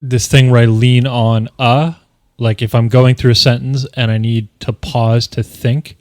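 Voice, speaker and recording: A man in casual conversation, speaking deliberately with small pauses inside his sentences. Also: medium pitch, flat delivery, dry recording, clean studio sound. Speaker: podcast cast member and audio editor. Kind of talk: casual chat.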